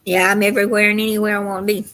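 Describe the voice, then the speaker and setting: A woman's voice: medium pitch, level tone, very fast, fairly bright tone. An older woman with a Southern US accent, chatting casually to livestream viewers in a folksy, meandering storytelling way. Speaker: livestream host.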